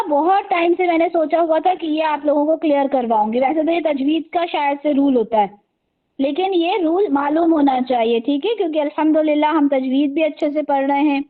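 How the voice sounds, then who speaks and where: High-voiced woman teaching an online class. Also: narrow, tinny audio. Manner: patient, questioning, repeats terms slowly. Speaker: online Arabic grammar teacher. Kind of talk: online class lesson, quizzing students. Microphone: video call microphone.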